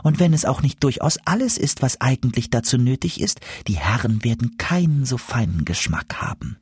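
A man voicing a wise, helpful female goose in a fairy-tale reading, speaking gently and sometimes in a whisper. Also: medium pitch, animated, normal speed, slightly rough, no echo, studio quality, voice pushed up. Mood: soothing. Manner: gentle, confiding, partly whispered.

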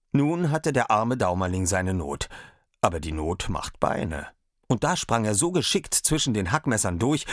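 A man reading a fairy tale aloud, his voice rising and falling in an animated, expressive way. The sound is dry and close. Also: lowish voice, no echo. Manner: expressive, lively storytelling. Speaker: storyteller.

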